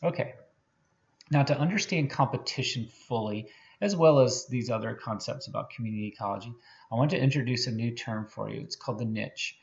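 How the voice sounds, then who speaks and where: A male biology lecturer with a gravelly voice who talks conversationally, full of "um"s and restarts, and often pauses to ask "okay?". The recording is dull and lo-fi, like classroom lecture capture. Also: mid-range voice. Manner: conversational, many fillers and restarts, frequent "okay?" checks. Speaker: biology professor.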